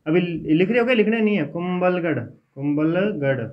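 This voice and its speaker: A man teaching a geography class in a casual lecture style. He dictates lists and repeats each name slowly for his students. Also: high-pitched. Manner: talks informally to students while teaching. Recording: dull lo-fi classroom recording.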